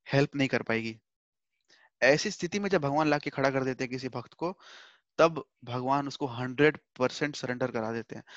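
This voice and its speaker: A man's voice: a little high, no echo, highs cut off. A man teaching a Hindi scripture class online from home, explaining patiently, repeating points and mixing in English words.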